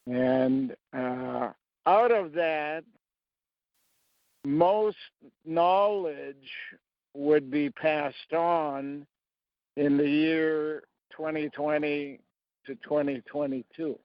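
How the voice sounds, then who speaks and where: A man talking through a slow, rambling monologue, pausing often between short phrases. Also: a little high, no echo, muffled recording. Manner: halting, long pauses between phrases. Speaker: speaker sharing beliefs.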